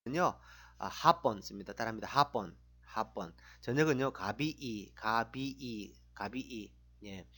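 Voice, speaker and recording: A man's voice: on the low side, measured pace, bright, forceful tone, breathy edge. A middle-aged man teaching a language lesson, encouraging listeners and drilling short phrases for them to repeat.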